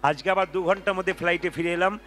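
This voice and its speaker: A man preaching between devotional kirtan songs, energetic and urging the crowd to chant along. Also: sits high, fast talker. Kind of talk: devotional kirtan with spoken sermon and call-and-response chanting. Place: large outdoor devotional gathering with crowd. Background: folk music with tabla.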